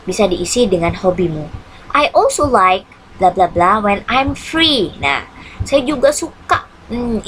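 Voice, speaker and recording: A woman teacher with an Indonesian accent, giving an online English lesson and translating each English line into Indonesian, with frequent hmm pauses. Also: medium pitch, a bit bright, slight background noise, low-quality recording. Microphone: computer mic on a screen-shared video lesson.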